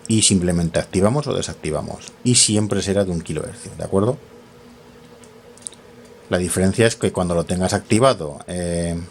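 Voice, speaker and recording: Low-voiced man hosting a relaxed hands-on radio gear tutorial, halting and self-correcting, faint background ambience. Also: a little hiss or hum. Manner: thinks aloud, self-correcting, many fillers. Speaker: radio equipment tutorial host. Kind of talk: casual hands-on equipment demonstration.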